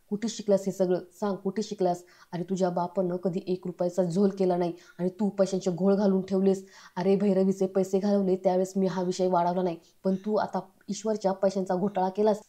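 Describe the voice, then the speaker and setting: A woman reading the lines of a stern older man who scolds a young man for lying, in a flat, mellow voice. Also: mid-range voice, lightly acted. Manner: scolding, reproachful.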